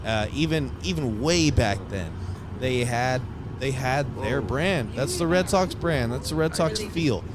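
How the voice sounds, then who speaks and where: A man's voice: mid-range voice, expressive, measured pace. Enthusiastic man narrating over city noise. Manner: enthusiastic, rambling with fillers. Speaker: vlogger giving a stadium tour.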